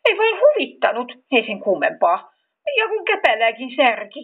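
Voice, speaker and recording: A woman's voice: a little high, huge pitch swings, heavily acted. A woman voicing a flustered, fussy female marten who mutters to herself. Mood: muttering. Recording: tinny phone-like sound.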